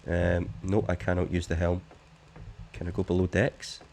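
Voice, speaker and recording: A man's voice: sits low, little pitch movement, normal speed, vocal fry, a little mellow, slight background noise. A man giving chatty, joking commentary to viewers while playing a sailing game. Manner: chatty, jokey, talks straight to viewers. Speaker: game streamer. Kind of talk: casual let's-play commentary.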